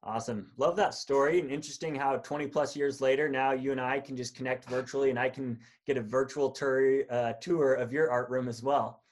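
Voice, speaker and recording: A man's voice: medium pitch, fairly even intonation, fairly quick, hardly any pauses. A man hosting an interview podcast, reading a friendly scripted intro before chatting with his guest on a video call. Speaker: podcast host.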